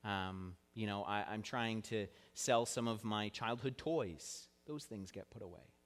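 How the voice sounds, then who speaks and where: A man's voice: on the low side, unhurried. A young man preaching a sermon, explaining scripture in an earnest teaching tone with touches of self-deprecating humor. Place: church sanctuary. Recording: long hall reverb.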